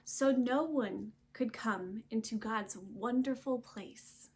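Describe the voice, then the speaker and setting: This slightly high-pitched woman reads aloud from a storybook for little kids, sounding expressive and emphatic. Dramatic pauses break up her reading, her phrase endings drop to a hush, and a faint hiss or hum is audible.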